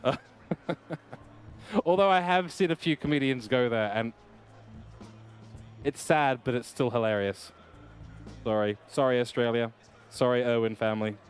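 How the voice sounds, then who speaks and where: A man's voice: medium pitch, unhurried, pauses often, soft background music. A man streaming a racing game and chatting casually. He rambles in a jokey way and often corrects himself. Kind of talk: casual chat while racing. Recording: loud race car engine noise.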